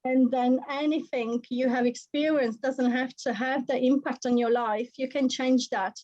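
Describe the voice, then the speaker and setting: A woman's voice: high-pitched, fairly even intonation, moderate pace, darkish tone, dry recording, lo-fi sound. A woman from Slovakia with a Slovak accent, a workshop presenter answering questions in an earnest, encouraging way. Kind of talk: answering questions in an online meeting.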